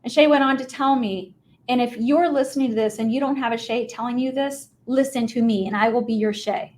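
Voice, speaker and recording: A middle-aged American woman who works in mortgages gives a motivational business talk on video marketing, telling stories conversationally. Her high-pitched voice is brisk and a little mellow, and she speaks emphatically and informally, addressing listeners directly.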